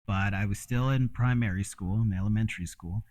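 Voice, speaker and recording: A man's voice: on the low side, fairly quick, a little mellow. A man who grew up in Mexico, talking in a rambling, frank casual monologue with frequent fillers and the odd curse. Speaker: host.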